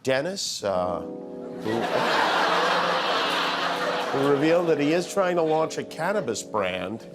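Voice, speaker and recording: A man's voice: fairly high pitch, sing-song, slow pace, pauses often, over loud music. A middle-aged man hosting a late-night talk show, teasing his guests in wry, chuckling banter. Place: television studio. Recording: live studio audience, background noise.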